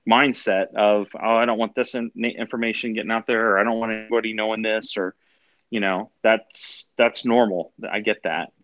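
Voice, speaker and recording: A man in his forties talking in a group call, halting with many ums and restarts. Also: lowish voice, steady tone, a bit bright, no room sound, muffled recording. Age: 40s. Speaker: caller. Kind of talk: casual group call chat. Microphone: phone.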